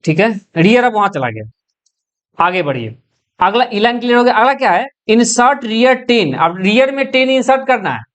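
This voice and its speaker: A woman's voice: a little high, very animated, normal speed. A woman teaching an exam-prep computer science lecture, explaining step by step and mixing English technical terms into her speech. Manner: explains step by step, asks and answers own questions.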